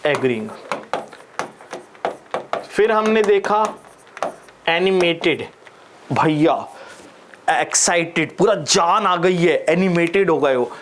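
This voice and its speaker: A man with an Indian accent teaching exam vocabulary in a playful, animated way, mixing Hindi and English and joking with his students. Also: high voice, a little hiss or hum. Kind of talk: Hinglish exam vocabulary lesson.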